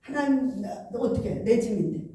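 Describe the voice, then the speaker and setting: A woman's voice: a little high, animated, moderate pace, dark tone, slight background noise. A middle-aged woman pastor giving a chatty revival sermon, telling stories and acting out the quoted dialogue. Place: large church hall. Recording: echoey hall from far off.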